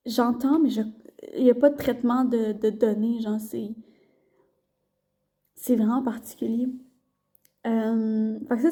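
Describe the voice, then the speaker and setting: A young woman with a Québécois accent talks casually to her camera in a vlog. Her voice sits high and sounds mellow and soft-edged. She rambles loosely, circling back with fillers and restarts. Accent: Québécois French. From Quebec. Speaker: vlogger and student intern.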